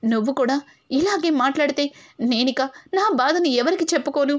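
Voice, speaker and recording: A woman reading as a heartbroken young daughter who has given up her love. Her protests come out high, quick and hurt. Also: lively intonation.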